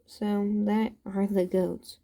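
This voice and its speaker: Unhurried mellow-voiced woman. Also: medium pitch. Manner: relaxed, unsure, hedging asides. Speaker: toy-building channel host. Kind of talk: casual show-and-tell walkthrough.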